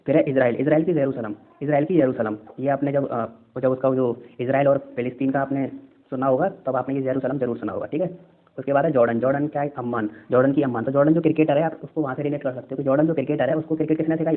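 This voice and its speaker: A young man teaching an exam-prep lesson, chatty, often repeating answers back as quiz questions. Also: medium pitch. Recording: tinny phone-like audio.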